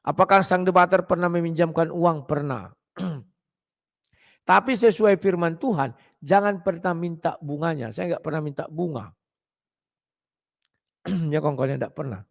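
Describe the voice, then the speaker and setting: A man with a high-pitched, gravelly voice talks bluntly to his viewers in a casual preaching style. He clears his throat again and again between phrases. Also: measured pace, pauses often.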